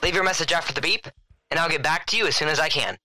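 A man's voice: a little high, very fast, over loud music. A male podcast host's recorded voicemail greeting, played back over a landline phone, plain and polite. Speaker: podcast host.

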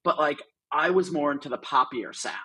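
Bright, husky-voiced chatty man. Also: a little high, expressive, fairly quick, rough recording. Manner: chatty, rambling with many asides and fillers. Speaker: guest, artist manager. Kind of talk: casual interview storytelling.

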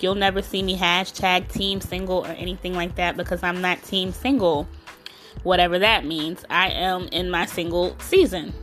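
A woman's voice: mid-range voice, fairly bright tone. Emphatic woman hosting a solo podcast. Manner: emphatic, direct, peppered with "you know". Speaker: podcast host and self-love coach. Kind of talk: casual solo podcast monologue.

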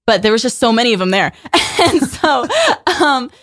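A woman's voice: a little high, animated, normal speed, a bit bright, no echo. Chatty young woman, dry studio sound. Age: 20s. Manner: chatty and sarcastic, laughs often, heavy use of "like". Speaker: guest musician. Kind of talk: casual interview chat. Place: radio studio. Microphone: studio mic.

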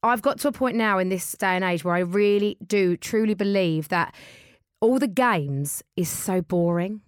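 A woman with an Essex accent hosts a chatty, informal discussion. Her voice sits at a medium pitch with a dry, close sound. She speaks confidently and with emphasis, like someone among friends. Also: moderate pace, clear, resonant tone, dry recording. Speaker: podcast host. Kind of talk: casual chatty dating discussion.

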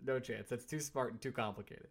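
A man's voice: medium pitch, brisk. A man co-hosting a sports podcast, reading listener questions with wry, casual remarks. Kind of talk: casual chat.

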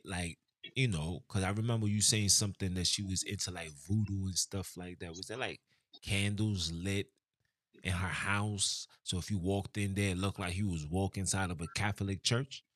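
Deep-voiced man asking probing questions. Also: a bit bright, dry recording, clean studio sound. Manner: probing questions, repeats his words. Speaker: host. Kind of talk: casual interview talk.

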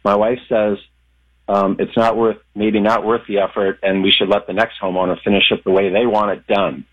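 A man's voice: lowish voice, flat delivery, normal speed. A man calling in over the phone, politely laying out his question in an orderly way. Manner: polite, orderly, lays out details. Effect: heard over the phone. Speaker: caller. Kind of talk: casual call-in question. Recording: dull phone-line sound.

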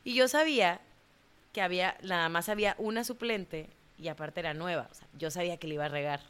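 A woman's voice: lowish voice, fast, clean tone. Young woman, northern Mexican accent, dancer, chatty storytelling, acts out dialogue. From Monterrey, Mexico. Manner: animated, colloquial, acts out quoted dialogue. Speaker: dancer in a ballet company. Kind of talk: storytelling in an interview.

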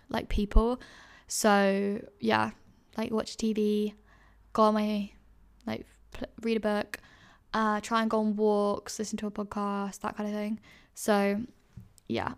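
Podcast host, woman, early twenties: chatty advice talk, filler-heavy, vocal fry. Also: medium pitch. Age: 20s. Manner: chatty, many fillers and self-corrections. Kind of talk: casual advice chat.

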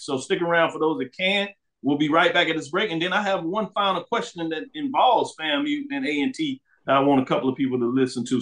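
A man's voice: fairly high pitch, a bit bright. A man hosting a sports talk show, introducing segments and putting questions to his guests.

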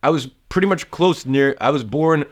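His voice sits a little high and moves at a moderate pace as this late-teen vlogger from the Russian south offers casual motivational advice to camera. The delivery is rambling, with frequent swearing and plenty of fillers.

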